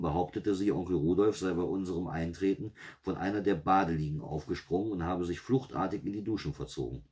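Deep-voiced man telling a wry story. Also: darkish tone. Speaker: author reading his own story. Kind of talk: first-person story reading.

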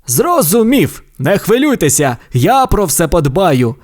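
A cheerful tow truck who loves bragging about his heroics, put on by a male storyteller. The voice sits high and bounces all over. Each line comes out proud and self-satisfied, like an audio storybook character. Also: sing-song, measured pace, heavily acted. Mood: urgent. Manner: proud, boastful tall-tale teller.

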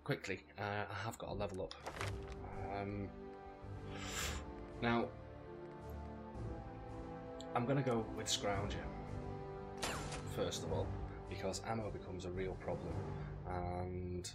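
A man's voice: sits low, steady tone, takes it slowly, long pauses, loud music behind the voice. A man giving casual gameplay commentary, informal and sweary, thinking aloud as he goes. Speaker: gaming video host. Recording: clearly noisy background with clicks.

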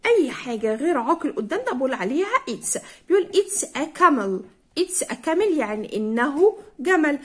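With a high-pitched, very animated voice and a fairly bright tone, a young Egyptian-accented woman teaches a primary English lesson. She repeats words slowly in drills and spells out their letters.

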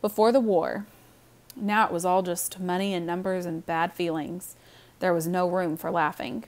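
Calm woman reading a storybook. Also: on the low side, normal speed. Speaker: audiobook narrator. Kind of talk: storybook narration.

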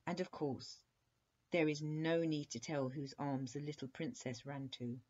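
Slow, husky woman reading a bedtime story. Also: low-pitched, dull audio. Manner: slow, steady and soothing. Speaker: storybook reader.

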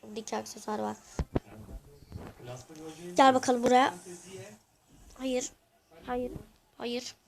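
A host giving live gameplay commentary to viewers, excitable and crying out when losing, asking for likes and subscribes. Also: medium pitch, slow pace, creaky, long pauses. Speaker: gaming channel host.

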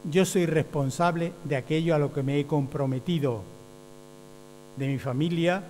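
A man gives a lecture to teachers, explaining his points step by step. He keeps asking his listeners whether they follow, and he acts out short quoted voices. His slightly high voice rings through a big hall with long reverb over a faint electrical hum. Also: steady tone, moderate pace, darkish tone. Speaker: teacher trainer.

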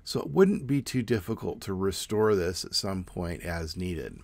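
A middle-aged man giving a measured, plain informative presentation outdoors. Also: low voice, expressive, vocal fry, a little mellow, dry recording. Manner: measured, plain explanatory delivery. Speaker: student presenter. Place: outdoors in front of a brick building.

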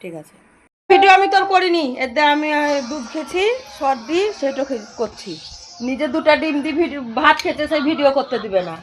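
A woman vlogging casually at home in the kitchen, chatty as she shows things to viewers, her voice slightly hoarse. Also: high voice, brisk, soft background music. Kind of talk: casual home vlog chat.

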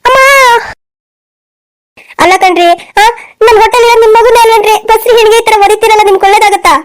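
Woman doing a young pregnant cartoon wife, begging and teary, very high fast voice. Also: steady tone. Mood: pleading. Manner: pleading, tearful.

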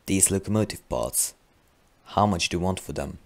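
A man playing a polite, measured railway manager in an amateur train drama. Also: low-pitched, vocal fry. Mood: polite, businesslike.

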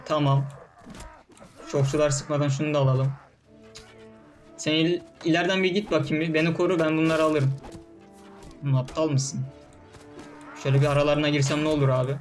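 A man's voice: on the high side, steady tone, fairly quick, long pauses, soft background music. A young man doing casual gameplay commentary, often frustrated, cursing and barking orders at his troops. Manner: frustrated, swearing, talking to game troops.

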